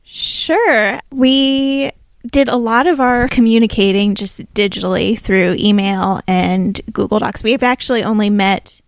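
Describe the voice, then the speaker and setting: A woman's voice: mid-range voice, unhurried, gravelly, dry recording. A woman guest on a podcast who answers in a brief, matter-of-fact way. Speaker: guest, resource team member. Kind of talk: casual podcast discussion.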